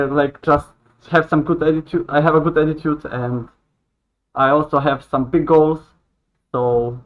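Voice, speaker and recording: A man in his late twenties, raised in Croatia, speaks as a podcast guest in a fairly high voice. He talks earnestly and haltingly, often starting sentences over, and the audio comes through dull and lo-fi. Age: 20s. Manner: earnest, halting, with frequent restarts. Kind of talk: casual conversation. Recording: dull lo-fi sound.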